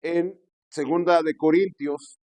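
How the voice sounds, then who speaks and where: A man's voice: on the high side, fairly even intonation, slow, a little mellow, no echo. Pastor preaching to his congregation. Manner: preaching with frequent call-outs to the congregation; acts out quoted pastors with pushy raised voice. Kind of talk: sermon.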